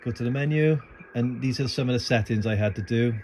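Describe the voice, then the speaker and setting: Brisk and a little mellow at medium pitch, a man records an off-the-cuff tutorial on a handheld phone pointed at his radio setup. As an amateur radio hobbyist, he informally and hesitantly thinks aloud while walking through his screen and gear, and the recording is noisy and amateurish.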